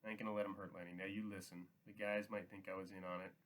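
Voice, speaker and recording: A man voicing a weary, guarded male farmhand who speaks slowly and heavily. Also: deep voice, flat delivery, a bit bright. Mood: resigned.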